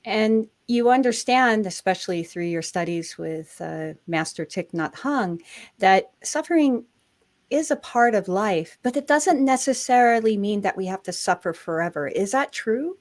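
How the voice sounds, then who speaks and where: A woman hosting a talk show interview, speaking at a middle pitch. She sounds effusive and admiring, stretching out key words for emphasis. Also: expressive, unhurried.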